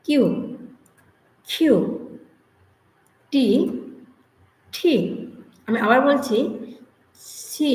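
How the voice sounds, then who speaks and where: A woman giving a spoken language lesson, repeating each word slowly for drilling as she writes it out. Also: high voice, reverberant, low-quality recording. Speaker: English teacher.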